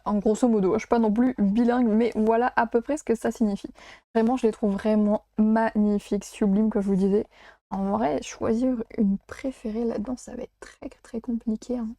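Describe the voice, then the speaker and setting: Woman, casual unboxing chat, hesitant, mellow tone, dry close sound. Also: a little high, no room sound. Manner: chatty, hesitant with many fillers, laughs at herself. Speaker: unboxing vlogger.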